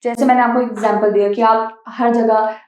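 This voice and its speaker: Woman poet, high voice, firm advising manner, interview guest. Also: little pitch movement, normal speed, darkish tone. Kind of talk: interview conversation.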